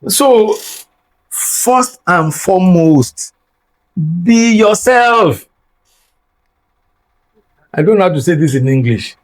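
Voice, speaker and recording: An emphatic older Nigerian man whose first language is Yoruba lectures as a guest scholar in reflective interview talk, repeating words for stress. His high-pitched voice has lively intonation and a slow pace with frequent pauses, and the audio quality is poor.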